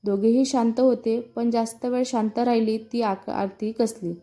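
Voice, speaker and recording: A woman narrating a romantic storybook tale in a steady, plain reading voice, closing with a sign-off to viewers. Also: a little high, normal speed.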